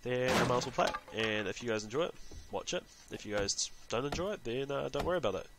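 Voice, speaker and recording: A male gaming channel host with a New Zealand accent rambles chattily through a casual let's-play, talking to himself between remarks to viewers. His mid-range voice has lively intonation and a fast pace, and the background is noisy.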